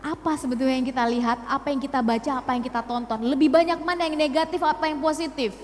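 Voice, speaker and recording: A woman's voice: high-pitched, fast talker, a little hiss or hum. A young woman giving a motivational talk to a youth audience, asking rhetorical questions and mixing in English phrases. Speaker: speaker at a youth talk show. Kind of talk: motivational public speech. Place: hall with live audience. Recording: long hall reverb.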